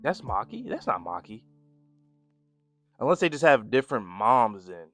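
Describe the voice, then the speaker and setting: A relaxed American man talks through a manga chapter in loose, slangy reaction commentary. He thinks aloud and circles back to correct himself, with faint music underneath. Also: mid-range voice, moderate pace, dry recording. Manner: slangy, laid-back, thinks out loud with restarts.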